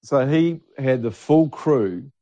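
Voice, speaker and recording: A man co-hosting a podcast, telling a story in relaxed casual chat. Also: medium pitch, takes it slowly, dry recording. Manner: chatty anecdote-teller, laughs easily. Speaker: podcast co-host. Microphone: studio mic.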